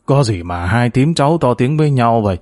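A man's voice: medium pitch, animated, brisk, a little mellow, dry recording, natural voice. A man voicing a stern elderly grandfather who scolds his family, in a narrated story.

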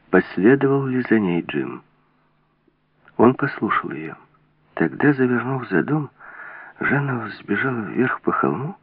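A man narrating an adventure novel as an audiobook in a steady, dramatic reading. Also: lowish voice, slightly rough, dry recording. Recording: tinny dry lo-fi audio.

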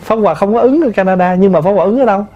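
Middle-aged male Buddhist teacher, high voice, dharma talk, explains through examples and self-posed questions. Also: rapid-fire, darkish tone, highs cut off. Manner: explains with examples, asks and answers his own questions.

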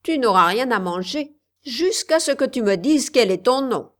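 A woman voicing a wicked old female witch in a storybook, commanding and shrill when she rages. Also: animated, moderate pace, lightly acted. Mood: cold.

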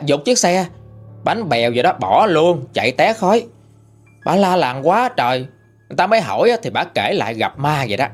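A man with a Southern Vietnamese accent telling a ghost story in a lively, chatty way with dramatic rises. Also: mid-range voice. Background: faint music.

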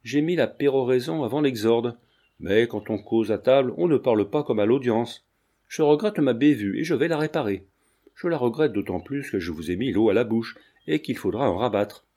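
A man's voice: mid-range voice, lively intonation, normal speed, dark tone. A man voicing a jovial, sententious old retired lawyer in his sixties, bantering and lecturing at the dinner table. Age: 60s.

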